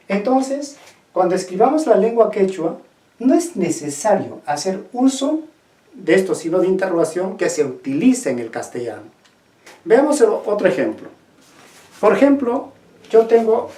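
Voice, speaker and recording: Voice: medium pitch, warm tone. A teacher giving a language lesson, asking the class questions and repeating the key points. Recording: roomy echo.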